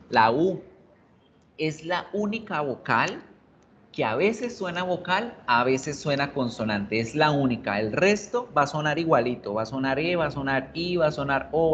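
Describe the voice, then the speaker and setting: A man's voice: fairly high pitch, a bit bright, a little hiss or hum. Give me a man teaching a video lesson, talking patiently, on a dull-sounding recording. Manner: patient, repeats words slowly for drilling. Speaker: English teacher.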